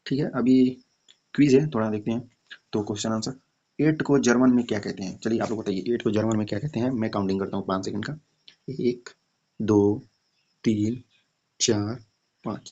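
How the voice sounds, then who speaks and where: A man's voice: mid-range voice, warm tone. Man teaching, dull lo-fi sound. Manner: repeats "ठीक है" often, slow drilled repetitions. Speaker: German language teacher. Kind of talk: explaining language lesson.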